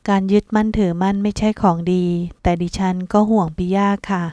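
An earnest, polite mother who speaks with respectful worry, as a female reader puts her on. The voice sounds mellow and smooth. It is recorded dry and close. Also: mid-range voice, fairly even intonation, a little fast, no room sound, close to an everyday voice. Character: devoted mother figure, polite and worried.

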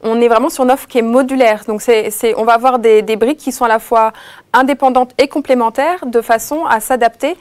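A woman's voice: fairly high pitch, steady tone, fairly quick. A woman on a webinar panel, explaining steadily with many fillers and restarts. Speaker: expert panelist.

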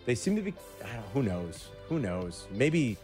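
Animated middle-aged sports radio host. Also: male voice, mid-range voice, moderate pace, faint music behind. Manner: animated, emphatic, bursts of indignation. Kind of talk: casual sports talk. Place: radio studio. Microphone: studio mic with headphones.

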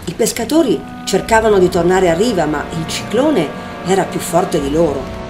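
Storyteller: a woman with a slightly low voice reading a fairy tale calmly over a loud music bed. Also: moderate pace.

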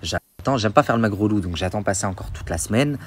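A man's voice: lowish voice, animated, quick pace, a little hiss or hum. A man indignantly retelling a dispute in a casual phone story, recorded on a phone. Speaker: storyteller in a social media story.

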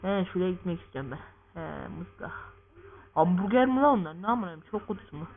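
A man's voice: high-pitched, expressive, a little fast, a little hiss or hum. A man giving casual gameplay commentary, full of crude swearing and joking banter. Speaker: gamer. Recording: tinny lo-fi recording.

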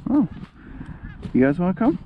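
A man talking excitedly to his action camera outdoors in a field, vlogging his solo hunt. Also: sits high, phone-quality sound, noisy background. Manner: excitable, talkative, quick to gush. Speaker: hunting vlogger. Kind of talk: solo hunting vlog.

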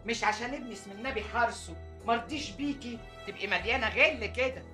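An actress with an Egyptian Arabic accent playing a dramatic, sharp-tongued older aunt who scolds her nieces. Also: a little high, fast talker, soft background music. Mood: scolding.

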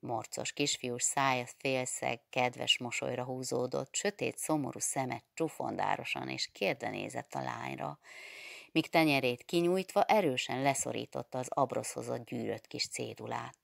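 Egy nő nyugodt, egyenletes tempóban regényt olvas fel hangoskönyvként. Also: female voice, rumbling low, creaky, dry recording, studio quality. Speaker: reader of a novel. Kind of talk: audiobook narration.

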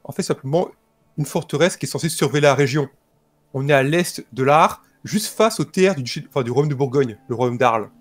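A man presenting a book and its history informally, in a calm, explanatory way. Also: mid-range voice, fairly quick. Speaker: guest presenter.

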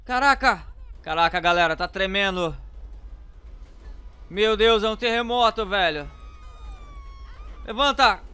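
A man with a Brazilian accent giving excitable gameplay commentary, often shouting and using slang. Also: sits high, takes it slowly, long pauses, smooth, no room sound, faint music behind. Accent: Brazilian Portuguese. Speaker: gameplay youtuber.

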